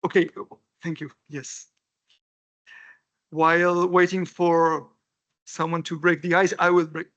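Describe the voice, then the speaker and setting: Guy moderating a panel, bit higher voice, polite, chatty, halting. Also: little pitch movement, fairly bright tone, dull audio.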